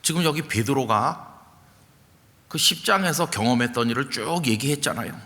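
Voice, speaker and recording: A man's voice: medium pitch, expressive, moderate pace, sharp tone. A male senior pastor preaching a sermon in a conversational, storytelling way. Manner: conversational storytelling with acted quotes. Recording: long reverb from a large hall.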